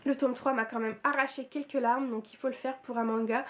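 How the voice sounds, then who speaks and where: A woman's voice: high-pitched, fairly even intonation, fairly quick. A woman with a French accent chatting casually about her month's reading for her book vlog, repeating words for emphasis with many fillers. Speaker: book vlogger.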